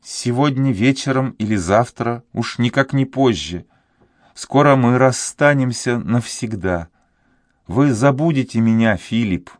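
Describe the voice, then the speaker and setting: A man's voice: mid-range voice, animated, a little slow, no room sound, clean studio sound, pitched above the performer's own voice, natural voice. A man voicing a sorrowful sixteen-year-old girl in love, speaking in a sad, pleading way. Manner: sad, pleading, soft-spoken.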